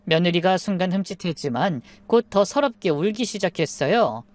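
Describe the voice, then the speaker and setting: A woman telling a scripted first-person story in a calm, confiding manner. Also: fairly low pitch, normal speed, no room sound. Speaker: storyteller narrating as a mother-in-law.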